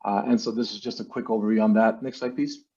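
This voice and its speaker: A man's voice: on the low side, little pitch movement, fast, mellow. Man presenting casually over dull online-meeting audio. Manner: casual, salesy, business jargon. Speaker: presenter, marketing agency owner. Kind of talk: informal slide presentation. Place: virtual meeting.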